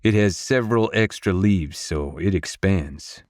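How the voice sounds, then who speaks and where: A man narrating a romance audiobook in first person, in a gruff, brooding manner on a close studio mic. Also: low-pitched, measured pace, no echo.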